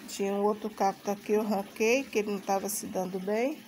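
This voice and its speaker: A woman's voice: mid-range voice, fairly even intonation, a little fast, darkish tone, slight background noise, poor audio. A Brazilian Portuguese-accented woman chats casually while showing things outdoors in a vlog, her voice affected by recovering from a bad flu. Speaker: gardening vlogger. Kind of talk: casual chatty show-and-tell. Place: outdoor home garden.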